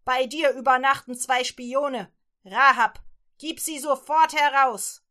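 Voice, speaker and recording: A woman voicing two gruff male city guards in a children's Bible story, shouting loud demands. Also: high-pitched, steady tone, slow pace, pitched above the performer's own voice, full character voice. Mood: demanding.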